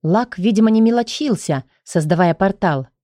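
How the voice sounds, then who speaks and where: A woman narrating a first-person fantasy audiobook in an expressive, emotional way. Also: medium pitch, moderate pace, no room sound, studio quality.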